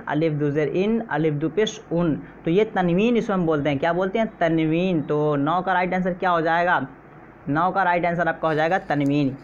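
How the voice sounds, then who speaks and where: A man teaching an exam-prep lesson who goes through quiz answers, repeats each question and keeps checking in with his listeners. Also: on the high side. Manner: repeats questions and says "theek hai" often. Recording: slightly dull, faint noise.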